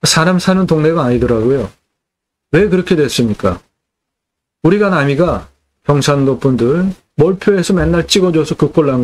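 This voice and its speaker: A middle-aged man hosting a land sales channel, delivering an indignant, scolding political rant. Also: on the high side.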